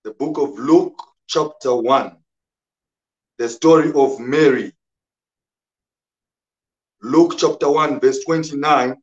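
Slow, deliberate male pastor preaching. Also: mid-range voice, highs cut off. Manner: slow, emphatic, repeats scripture references. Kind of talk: sermon.

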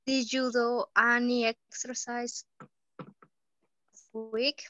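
A woman student reading practice questions aloud, halting and careful, in an online class. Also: a little high, flat delivery, a bit bright, no echo, muffled recording.

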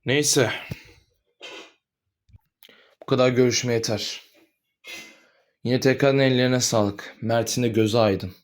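A man's voice: steady tone, takes it slowly, pauses often, close to an everyday voice. Boss: a man doing a cold vengeful crime boss. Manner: low, cold, cursing contempt. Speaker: voice actor in amateur animated drama. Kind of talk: animated drama voice acting.

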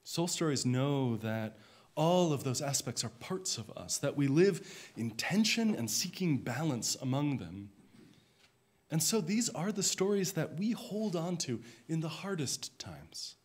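A man who is a minister, giving a sermon in a reflective, measured way, his voice dropping softly at the ends of phrases. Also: fairly high pitch, sing-song, slightly rough. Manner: slow, reflective, measured delivery.

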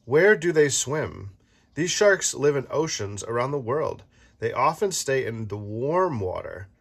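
A man with a medium-pitched, creaky, slightly rough voice reads a children's book aloud, very animated but unhurried. As parent and host, he chats casually and playfully, explaining things simply to a child. He sits indoors at a tabletop, with the book filmed from above.

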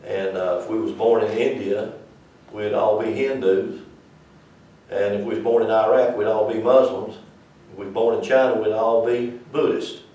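With a warm, steady, lowish voice at a moderate pace, an older Southern US man rambles folksily through a conversational church lesson. The indoor setting is a small church classroom, heard echoey from a far camera.

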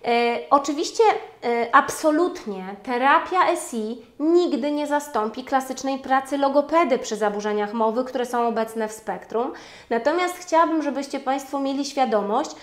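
A woman giving a webinar lecture on speech therapy, formal and measured, with frequent hesitation sounds. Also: sits high. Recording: roomy echo.

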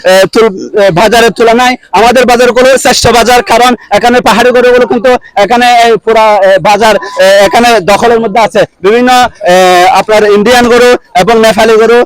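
A man with a Chattogram Bangladeshi accent reporting on location as an eager, halting presenter who often repeats himself. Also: extremely high pitch, flat delivery, poor audio. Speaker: reporter for a local online channel. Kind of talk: on-location market report with interviews. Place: outdoor cattle market.

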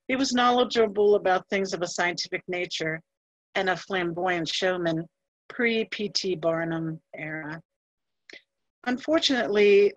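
A woman curating a museum presents scripted history in a measured voice, reading from her notes with occasional fillers. Her voice sits mid-range, captured in a dry, low-quality recording.

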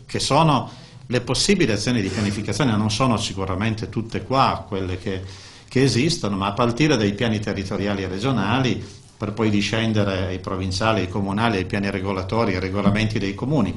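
A man in his sixties gives a technical talk at a conference, speaking into a desk microphone, halting with many restarts and fillers. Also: lowish voice. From Italy. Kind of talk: technical presentation. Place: conference room, indoors.

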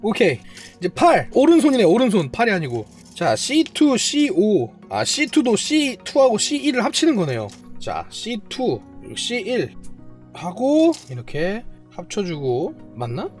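Kit builder narrating a build, swooping pitch, self-praising, muttering to themself, faint music underneath. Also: huge pitch swings, measured pace, a little mellow. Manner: chatty, talks to self while building; playfully boastful, self-praising. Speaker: model kit reviewer. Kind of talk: hands-on build commentary.

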